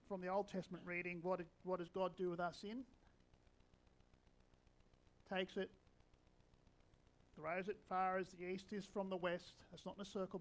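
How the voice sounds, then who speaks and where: A man's voice: sits high, low-quality recording. A man in his sixties, a preacher giving a conversational sermon with wry humour. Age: 60s.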